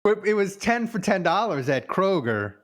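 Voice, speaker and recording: A man's voice: high voice, big pitch swings, moderate pace. Male stream host with a raised voice and a teasing, self-mocking manner. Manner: joking, self-mocking banter. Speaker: show host. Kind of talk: casual live-stream chat.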